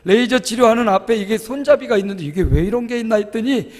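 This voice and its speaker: Male pastor, high pitch, lively storytelling sermon, long church echo. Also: fast. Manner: animated storytelling, acts out groans and quotes. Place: church sanctuary.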